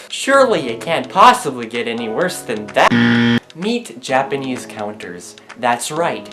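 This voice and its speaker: A young man presenting a comedic explainer video in a dry, sarcastic, self-mocking way. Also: fairly high pitch. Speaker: student presenter. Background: music.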